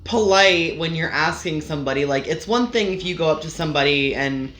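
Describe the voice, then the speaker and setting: Bright-voiced man co-hosting a podcast. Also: fairly high pitch, brisk. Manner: talkative, explaining. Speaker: podcast co-host. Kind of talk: casual podcast chat. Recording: echoey room, faint background noise.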